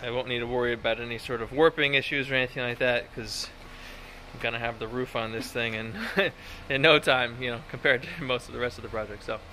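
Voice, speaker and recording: A man in his thirties, a home builder vlogger, films his house build at an outdoor construction site in the woods, holding his phone at arm's length. His voice is medium-pitched and steady, and he talks fast with a sharp tone, chatting casually and rambling a little with fillers and self-deprecating asides. The recording is rough, with a slight hiss or hum.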